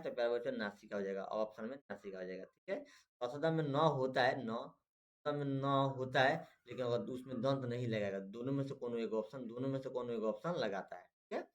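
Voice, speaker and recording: Male teacher of middle pitch for an exam-prep lesson; drills every point by repetition and questions. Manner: repetitive, drills and quizzes students.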